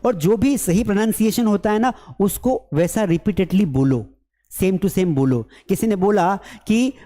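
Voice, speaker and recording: A man with a notably high voice runs an online spoken English lesson and keeps it lively and teasing. He playfully acts out the mistakes his learners make. His voice carries a long hall reverb. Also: unhurried. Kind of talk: online class lecture.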